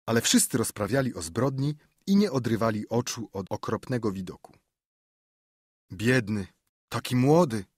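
A man narrating a classic novel in a measured, expressive storytelling manner. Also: mid-range voice, slightly rough, no echo, clean studio sound. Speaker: audiobook narrator. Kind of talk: scripted literary narration.

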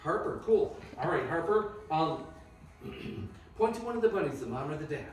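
A woman with a fairly low voice does playful kids' party magician patter, coaxing and instructing children. Her pitch moves around in an animated way. The recording is noisy and very echoey, picked up at a distance from the microphone. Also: normal speed. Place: indoor children's birthday party.

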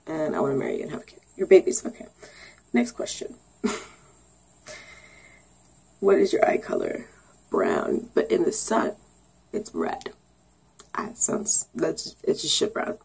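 Young woman vlogger, low mellow husky voice, giggly and rambling, sarcastic. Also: poor audio. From Canada. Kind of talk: casual get-to-know-me vlog.

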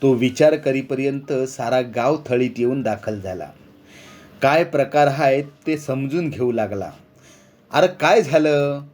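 A man narrating a village story in an expressive, measured reading. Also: mid-range voice.

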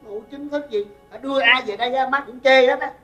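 A man's voice: extremely high pitch, fast, sharp tone, far from the mic, faint music behind. A man playing an exasperated grown son, who pleads with and teases his mother in a comedy sketch. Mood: whiny. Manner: whiny, teasing, pleading.

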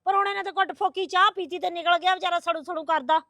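A woman plays a young married woman who complains tearfully about her in-laws. Her voice is very high and the recording is dry. She sounds hurt and aggrieved. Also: steady tone, fast, bright, forceful tone, no room sound, full character voice. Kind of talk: comedy skit acting.

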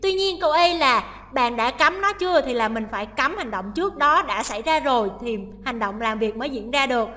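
A woman's voice: sits high, animated, fairly quick, few pauses, sharp tone, long reverb tail. A woman teacher working through a listening test, reading each English line and then explaining it. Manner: explains each option, translating English lines aloud.

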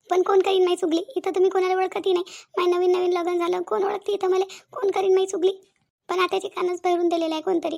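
Woman voicing a sad young bride, high and creaky. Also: a little mellow. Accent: Vidarbha Marathi. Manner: plaintive, repetitive complaining. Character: young newlywed daughter-in-law, upset and lonely. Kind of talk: cartoon voice acting.

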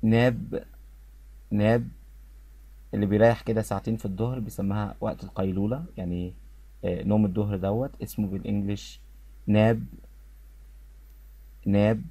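A man with an Egyptian Arabic accent runs an English pronunciation lesson. He says each word slowly and repeats it so students can follow. His voice is low and mellow, recorded dry and close. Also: fairly even intonation, slightly rough, no echo. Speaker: English teacher.

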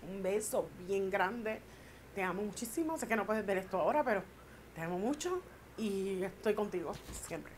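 A woman's voice: mid-range voice, lively intonation, moderate pace, a little hiss or hum. A woman chatting casually to camera in a tag video, playful and joking, turning tender and sentimental. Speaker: beauty vlogger.

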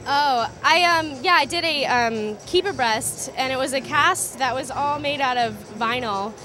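Young woman designer with loud music behind. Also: sits high, a little slow. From Southern California. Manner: relaxed, filler-heavy, slightly trailing off. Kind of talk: casual interview at a trade show booth. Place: busy indoor trade show booth. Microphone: handheld interview mic.

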